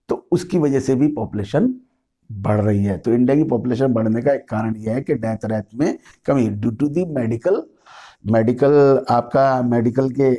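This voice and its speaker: A man teaching a school geography lesson, reading definitions slowly in English and explaining them in Hindi, often asking and answering his own questions. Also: medium pitch, dark tone. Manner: repetitive, self-correcting, asks and answers his own questions. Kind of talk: classroom lecture mixing Hindi and English.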